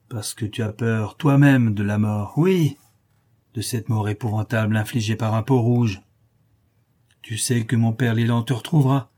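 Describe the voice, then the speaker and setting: A man's voice: medium pitch, darkish tone, lightly acted. A man voicing a fierce young warrior woman whose defiant voice is guttural with metallic inflections.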